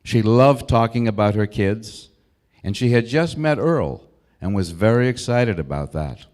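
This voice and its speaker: A man in his sixties with an American accent delivers a prepared eulogy. His voice sits a little low. He tells his memories reflectively, in short, deliberate phrases. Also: lively intonation, a little mellow. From Brookline, Massachusetts, United States. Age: 60s. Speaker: eulogist, old school friend of the deceased.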